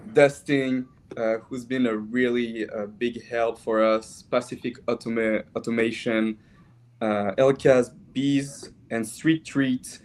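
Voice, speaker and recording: A man co-hosting a school fundraiser stream. He thanks sponsors in a halting, hesitant way, stopping often on "uh" and "um". His voice sits in a medium register and he sounds like he is on a video call. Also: mid-range voice. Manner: halting, heavy with fillers, reads out thank-yous. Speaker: school representative and co-host. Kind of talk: live-streamed fundraiser chat.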